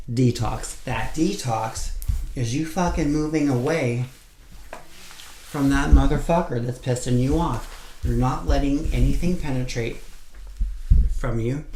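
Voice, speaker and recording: The clip features a male tarot reader with a mid-range, darkish voice offering a casual pick-a-card reading. Blunt and foul-mouthed, he keeps repeating himself to drive points home; the room echoes and carries faint noise.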